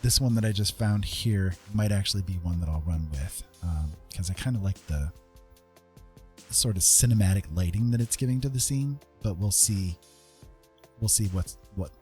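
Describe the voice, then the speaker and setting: A deep-voiced man with a darkish tone, speaking at a normal speed, hosts a casual livestream as a digital artist. He chats while painting, rambling and poking fun at himself with frequent chuckles. Music plays behind his voice.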